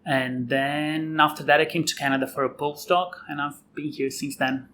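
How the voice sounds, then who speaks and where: A Brazilian man in his thirties explains his path with a bright, forward tone and a steady sprinkle of "like". His English carries a Brazilian accent. A faint hiss sits under the recording. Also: a little high, normal speed. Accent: Brazilian Portuguese. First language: Portuguese. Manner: frequent "like" fillers. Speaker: guest researcher. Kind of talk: casual interview answers.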